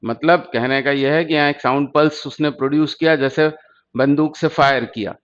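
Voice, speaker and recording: A man's voice: on the high side, fairly even intonation, moderate pace, fairly bright tone, muffled recording. A man teaching physics for entrance exams, patiently explaining and repeating key terms. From India. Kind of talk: exam-prep lecture.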